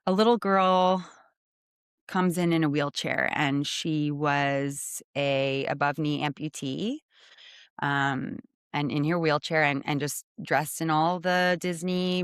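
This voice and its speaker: A woman, a hospital medical director, speaking as a guest in a conversational storytelling way, reflective and measured with frequent pauses. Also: low voice, steady tone, clean tone, no echo, clean studio sound.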